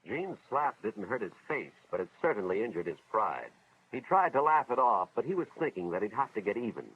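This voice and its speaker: An American man plays an earnest school official narrating a 1950s educational film, telling the story in a dramatic, moralizing style. His voice sits on the low side and is husky and fairly bright, delivered briskly with a sing-song lilt as a full character voice. The vintage soundtrack is dull, with music underneath.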